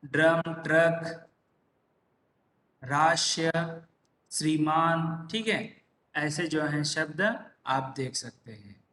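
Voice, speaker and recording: A man teacher slowly explaining a lesson, patiently repeating examples one word at a time. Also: fairly high pitch, sharp tone. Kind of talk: slow classroom explanation. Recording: echoey room.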